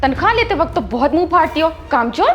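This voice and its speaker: A woman's voice: extremely high pitch, very animated, fast, exaggerated voice. An actress playing a harsh, suspicious rich woman who bosses and accuses her maid in a scolding way. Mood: bossy. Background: soft background music.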